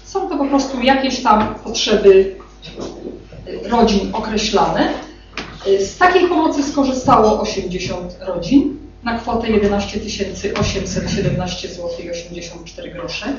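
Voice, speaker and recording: A woman official presents an annual welfare report, reciting sums of money with many hesitant pauses and filler sounds. She speaks from a distance in a very echoey meeting room, and the recording is dull and carries clear background noise. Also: mid-range voice. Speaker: municipal social welfare official.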